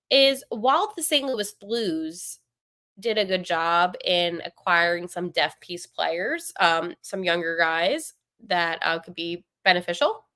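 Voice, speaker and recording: A woman hosting a sports podcast, talking casually and with strong opinions, full of fillers and quick asides. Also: medium pitch, pushed and bright, no room sound, studio quality. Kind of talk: casual solo podcast commentary.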